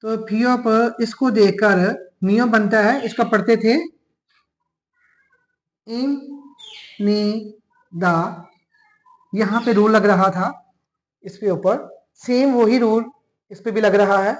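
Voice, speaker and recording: Slow, deliberate Pakistani man teaching. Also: high voice, steady tone, low-quality recording. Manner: slow and deliberate, spelling out syllables one by one. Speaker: language teacher. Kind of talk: classroom lesson explanation.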